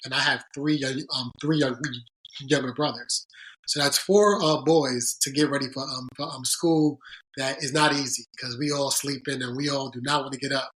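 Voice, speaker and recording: Poor audio with a little hiss or hum carries a man's medium-pitched, slightly bright voice and fairly even intonation. In a podcast interview he reflects earnestly and thoughtfully on being a sports agent, his sentences halting and often restarted.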